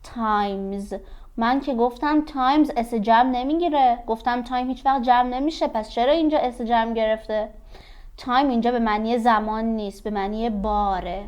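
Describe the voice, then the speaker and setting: A woman with a Persian accent, teaching an English grammar lesson, rushing through explanations and then reading example sentences slowly and deliberately. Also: a little high, darkish tone, smooth. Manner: switches between rapid explanation and slow, deliberate reading aloud.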